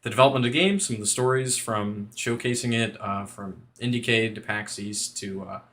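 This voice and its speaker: A man's voice: on the low side, a little fast, fairly bright tone. A man hosting a game launch livestream, talking casually over voice chat with many fillers. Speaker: game studio host.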